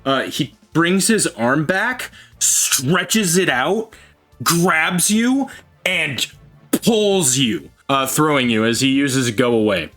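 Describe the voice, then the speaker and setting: A man running a tabletop game who narrates the action in an unhurried, measured way. His voice is bright and clear, at a middle pitch, with faint music playing underneath. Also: animated. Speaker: game master.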